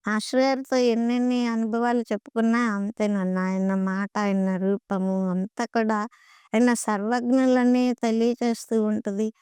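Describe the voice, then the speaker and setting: A woman's voice: on the high side, darkish tone, clean tone, dry recording, studio quality. A middle-aged woman earnestly recounting devotional experiences, often repeating phrases for emphasis. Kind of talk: conversational storytelling.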